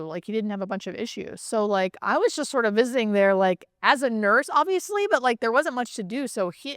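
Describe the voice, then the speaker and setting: In a dry, clean studio recording, a woman with a mid-range voice talks as an interview guest about her work as a hospice nurse. Animated and emphatic, she repeats herself for effect and keeps checking in with the listener, asking things like "right?"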